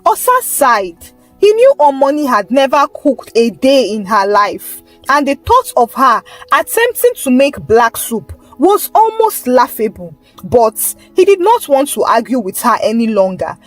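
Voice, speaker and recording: High-voiced woman narrating a folktale. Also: sing-song, a little slow, soft background music, low-quality recording. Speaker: storyteller. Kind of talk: scripted narration.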